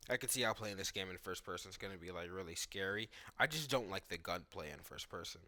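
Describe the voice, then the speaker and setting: A gaming video creator reacts to cutscenes and gameplay in a low, sharp voice with lively intonation and a quick pace. His commentary is casual and off-the-cuff, thinking aloud in informal language and saying "like" a lot.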